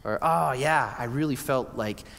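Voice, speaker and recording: Preaching in a church sanctuary, a male pastor speaks earnestly and conversationally, repeatedly restarting his sentences. His mid-range voice is gravelly yet fairly bright, his pace is measured, and the hall adds reverb.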